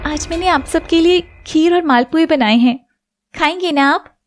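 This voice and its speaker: A meek, pleading young wife, very high voice. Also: female voice, normal speed, soft background music. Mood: hopeful. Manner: soft, pleading, tearful. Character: long-suffering young wife. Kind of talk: animated serial voice acting.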